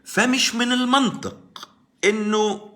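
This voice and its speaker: A man's voice: very high voice, fairly even intonation, slow pace, fairly bright tone. A man with an Egyptian accent hosting a live stream, giving casual political commentary in an argumentative way and answering viewers by name. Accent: Egyptian Arabic. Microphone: live-stream mic.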